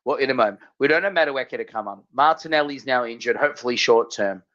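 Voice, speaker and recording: An Australian man co-hosts a casual sports podcast, talking fast and emphatically in a medium-pitched voice and often repeating his phrases. A noisy crowd sits behind him, and the lo-fi audio sounds slightly dull.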